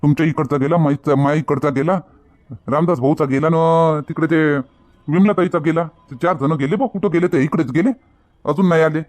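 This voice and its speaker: A man's voice: on the high side, normal speed, a little mellow. A man acting in a village comedy skit, talking in a bossy, grumbling way. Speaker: comedy sketch actor.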